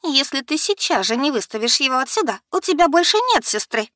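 A woman voicing a shrill, tearful young sister. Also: lively intonation, a little fast, fairly bright tone, no room sound, clean studio sound. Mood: furious. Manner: shrill, pleading, near hysterical.

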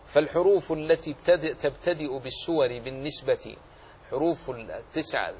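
A man teaching the rules of Quran recitation in a religious lesson, speaking haltingly, with drawn-out pauses and repeated words, and spelling out single letters one by one. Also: medium pitch, a little mellow, slight background noise.

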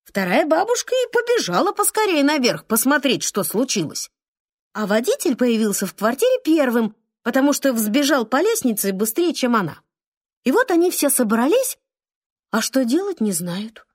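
A woman reading a children's story aloud, expressive and sometimes slow and drawn out. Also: high voice, no room sound, clean studio sound. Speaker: reader.

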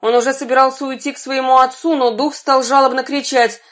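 A woman narrating a fairy tale in an even, measured storybook reading. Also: high voice, music in the background.

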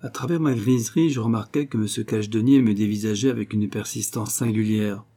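A man narrates a classic tale with a mellow, warm tone. His delivery is measured and steady, in a scripted reading style. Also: fairly low pitch. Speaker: audiobook reader.

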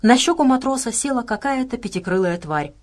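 A woman narrating an audiobook in a steady, even reading voice. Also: a little high, brisk. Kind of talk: scripted narration.

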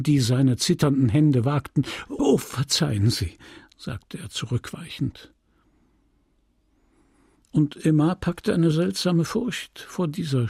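A man narrating a literary audiobook in a calm, measured, intimate way, recorded close to the mic. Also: on the high side, slightly rough, no room sound. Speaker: audiobook reader.

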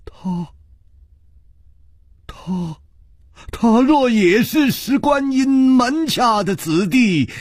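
Man putting on a stammery shouting young guy, way up high, husky and dry, story telling. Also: dry recording, heavily acted.

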